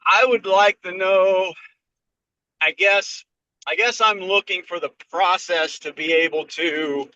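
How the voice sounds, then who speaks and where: A man from Ohio comes through a low quality video call stream that sounds dull and lo-fi. He is driving while he talks. His voice is bright and a little high, and he speaks in an easygoing, hesitant way with fillers. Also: smooth. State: driving a vehicle. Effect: low quality streamed video call audio. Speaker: general contractor seeking advice. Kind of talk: casual video call chat.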